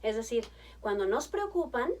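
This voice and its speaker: High-voiced woman therapist chatting about parenting, lively, acts out talks with her kids, sounds a bit off-mic. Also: normal speed, recorded from a distance. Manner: animated, acts out chats with her kids in a bright coaxing tone. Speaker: family therapist. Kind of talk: conversational parenting advice.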